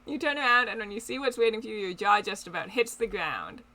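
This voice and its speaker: A woman's voice: mid-range voice, lively intonation, quick pace, bright, forceful tone. A young woman streaming a dating game, chatting casually and reading the game text aloud with giggly asides. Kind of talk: casual let's play chat and reading aloud.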